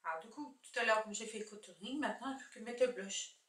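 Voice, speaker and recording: A chatty woman talks through her makeup, pausing to check product names and show viewers each step. Her voice is bright and sits a little high. She sounds roomy and distant, as if caught from across the room. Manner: chatty, thinks aloud while showing products. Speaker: makeup vlogger. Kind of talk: casual makeup tutorial chat. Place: indoors at home, husband filming. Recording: echoey room from far off.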